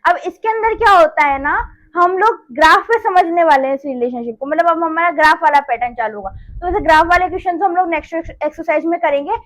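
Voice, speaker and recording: A woman's voice: very high voice, fast, a bit bright, poor audio. A woman teaching a maths lesson in a chatty, casual way, going over each step again and checking in often. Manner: chatty, repeats each step with "theek hai".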